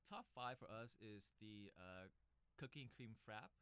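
A man's voice: lowish voice, lively intonation, measured pace, fairly bright tone, clean tone, dry recording. A man from Vietnam, a middle-aged shop co-owner and guest, speaking plainly and a little hesitantly. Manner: plain, hesitant, simple phrasing. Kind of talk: casual interview.

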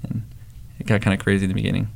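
His voice is deep and creaky, and he races through his words. He's a young co-owner of an ice cream shop from LA's San Fernando Valley, loosely telling stories in a casual interview with many fillers and restarts.

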